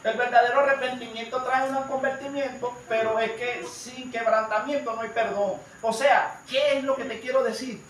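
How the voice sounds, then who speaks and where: A man's voice: very high-pitched, fairly even intonation, moderate pace, hardly any pauses, fairly bright tone. A man preaching an informal Bible study sermon, talking emphatically and straight to his congregation. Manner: emphatic, conversational, addresses the congregation directly. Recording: echoey room, mic at a distance, light noise.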